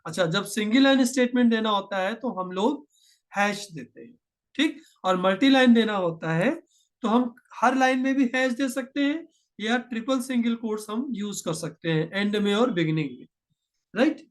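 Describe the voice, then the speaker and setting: A man teaching programming in a screen-share tutorial, explaining patiently step by step and slowing down to dictate code, mixing with terms. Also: sits high, expressive.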